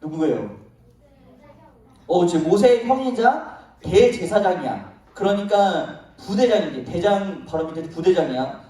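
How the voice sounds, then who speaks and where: A man preaching a children's sermon in a church sanctuary, telling the story in a lively way and asking the children questions. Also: high voice, unhurried. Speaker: pastor. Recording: very echoey hall, voice from far off.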